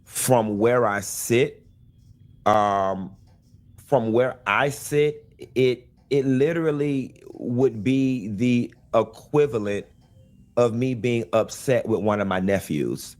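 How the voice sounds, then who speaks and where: A man earnestly explaining his side of a public dispute, now and then breaking into animated exclaimed asides. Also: medium pitch, slow. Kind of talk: clip of a personal video statement.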